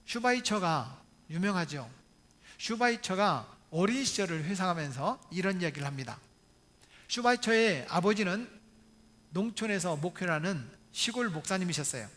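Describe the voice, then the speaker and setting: A man's voice: high voice, animated, normal speed, pauses often, fairly bright tone. A male pastor preaching a Sunday sermon in church, asking the congregation questions and telling stories with humorous asides. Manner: retells stories with acted quotes. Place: church, Sunday service video.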